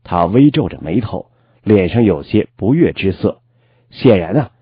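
Husky, expressive male storyteller. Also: fairly low pitch, no room sound. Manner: expressive, with drawn-out particles. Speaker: audiobook narrator. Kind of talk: storytelling novel narration. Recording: slightly dull lo-fi, dry.

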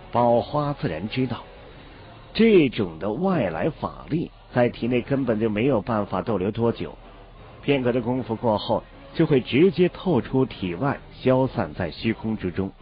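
A man narrating a novel as an audiobook in a steady storytelling delivery. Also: medium pitch. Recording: dull lo-fi audio, faint background music.

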